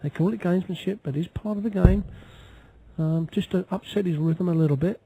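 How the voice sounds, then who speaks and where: A man's voice: sits high, brisk, warm tone, slightly rough, low-quality recording. A man giving live darts commentary as an analyst, explaining play in a conversational way.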